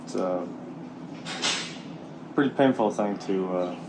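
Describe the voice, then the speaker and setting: A man talking candidly and haltingly in a casual, reflective vlog while out walking. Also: low voice, background noise. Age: middle-aged. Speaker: vlogger, military serviceman and former Marine. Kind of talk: casual walk-and-talk vlog.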